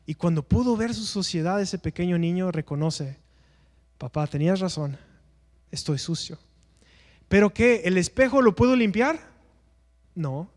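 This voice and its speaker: A man's voice: high-pitched, in a large hall. A man teaching an evangelism class in a church, earnest and preacher-like, asking rhetorical questions and answering them himself.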